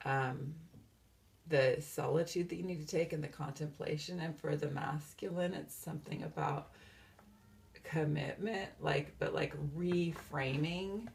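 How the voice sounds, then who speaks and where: A woman's voice: low-pitched, fairly even intonation, a little slow, creaky, a little mellow, slight background noise. A woman giving a casual, meandering tarot reading, dreamy and full of fillers and restarts. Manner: self-described valley-girl talk. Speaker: tarot reader.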